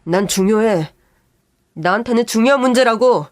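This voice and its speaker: A woman voicing a distressed middle-aged brother-in-law who pleads earnestly in a low voice. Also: moderate pace, close to an everyday voice. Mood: shocked.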